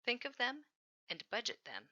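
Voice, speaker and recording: Woman trainer, bright tense tone, lively pitch, instructive scripted read, dull lo-fi audio. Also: moderate pace. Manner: clear, instructive, emphatic on key words. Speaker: housing program trainer.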